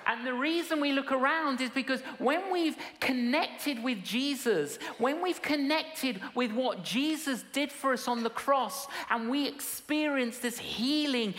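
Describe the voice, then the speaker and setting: A woman preacher with a fairly high voice delivers a sermon at a slow pace. She tells it theatrically, repeating phrases for emphasis. The sound is reverberant, from a big hall with a congregation present. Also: fairly bright tone. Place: large hall with live audience. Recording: echoey hall, reverberant, audience noise.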